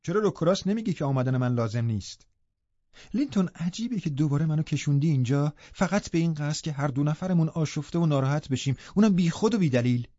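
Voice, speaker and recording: A man's voice: a little high, expressive, mellow, dry recording, pitched above the performer's own voice, close to an everyday voice. A man voicing an impatient, proud young woman who scolds sharply and with scorn. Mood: indignant. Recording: dull lo-fi recording.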